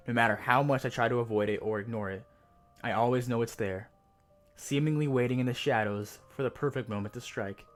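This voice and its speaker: A man performs a haunted narrator telling a creepypasta in the first person. The delivery is measured and suspenseful, drawing out the frightening descriptions. His medium-pitched voice sits over a clear music bed. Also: close to an everyday voice. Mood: uneasy, haunted. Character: haunted, increasingly terrified narrator of a horror tale.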